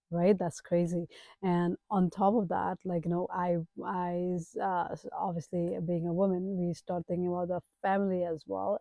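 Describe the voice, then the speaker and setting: A woman in her thirties from Kathmandu, Nepal, speaks with a Nepali accent in a warm, lowish voice. She owns a page and works as a digital entrepreneur, and in this self-introduction vlog she chats casually, talking straight to viewers with emphatic asides. The recording is dry and the audio quality is poor.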